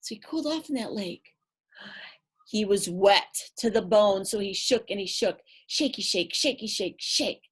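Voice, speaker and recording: This storyteller speaks in an animated mid-range voice with a breathy edge. Reading a picture book aloud, she draws out her phrasing in a playful, rhythmic way and turns aside now and then to talk with the young audience.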